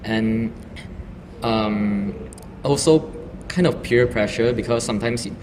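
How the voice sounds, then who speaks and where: Low-voiced man, halting, in a noisy room. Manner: halting, self-correcting storytelling. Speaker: guest. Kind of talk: casual panel chat. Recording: reverberant room with noticeable noise.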